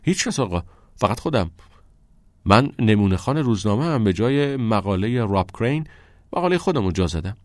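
A man's voice: on the low side, very animated, no echo. A man voicing a defiant teenage schoolboy who answers in strained, choked replies in an audiobook. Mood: nervous. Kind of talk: audiobook character voice.

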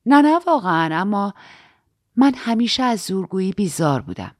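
A woman voicing a proud, sharp-tongued noble lady who answers curtly. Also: medium pitch, big pitch swings, dry recording, clean studio sound. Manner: curt, irritated.

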